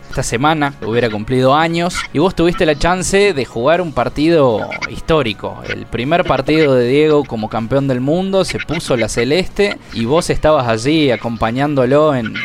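A man with an Argentine Spanish accent interviewing a former footballer, asking conversational questions. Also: mid-range voice. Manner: conversational, prompting.

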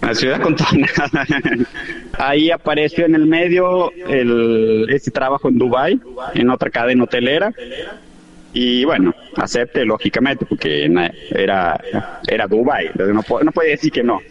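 Interview guest, man, late 30s, Córdoba accent blended with Mexican, relaxed, rambling storyteller; muffled radio sound. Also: mid-range voice, moderate pace. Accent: Córdoba Argentine Spanish, mixed with Mexican. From Argentina. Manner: relaxed storytelling, frequent restarts. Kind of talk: casual interview chat.

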